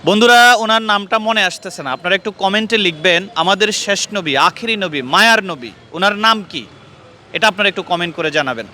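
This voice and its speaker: Outdoors amid traffic and street noise, a channel host runs a street quiz, earnestly questioning passers-by and lecturing them. He speaks fairly quickly in a high, lively voice that sounds pushed and bright.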